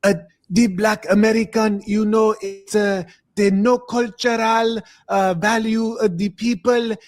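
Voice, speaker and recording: A man voicing a mocking imitation of an African man, halting and stumbling in an exaggerated put-on accent. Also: sits high, little pitch movement, soft background music, pitched above the performer's own voice. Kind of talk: imitation within commentary.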